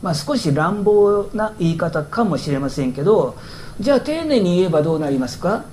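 A man's voice: high-pitched, very animated, brisk, darkish tone, a little hiss or hum. A male pastor giving a conversational sermon, explaining with rhetorical questions and asides.

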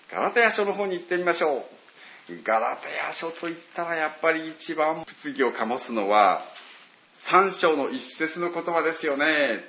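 A man's voice: a little high, reverberant, lo-fi sound. A man preaching a sermon, telling it like a story with dramatic quoted asides. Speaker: pastor.

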